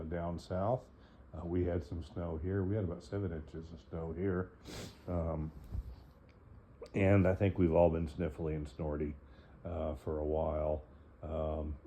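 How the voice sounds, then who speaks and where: Deep, very mellow man, slightly hoarse. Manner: hesitant, many fillers between phrases. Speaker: host reading and explaining a book. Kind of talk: casual spoken commentary and reading aloud. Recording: dull lo-fi recording, faint noise.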